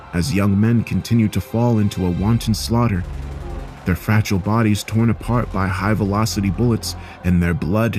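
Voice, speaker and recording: Grave male horror story narrator. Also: on the low side. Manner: steady and grave.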